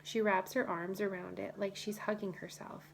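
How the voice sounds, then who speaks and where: A woman reading a first-person children's novel as audiobook narrator, in a lively storytelling manner. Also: mid-range voice, normal speed, vocal fry, slight background noise.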